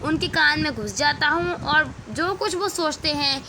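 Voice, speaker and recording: A woman's voice: high-pitched, animated, noisy background. A woman doing Mattar ka Dana, a tiny clever boy. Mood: amused. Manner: cheerful, playful, whispering at times. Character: tiny clever magical boy, size of a pea.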